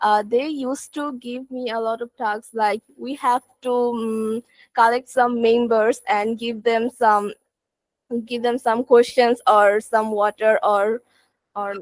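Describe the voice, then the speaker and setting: Hesitant woman, halting speech. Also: on the high side, dry recording. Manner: hesitant, many fillers and restarts. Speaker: student. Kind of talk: speaking test practice.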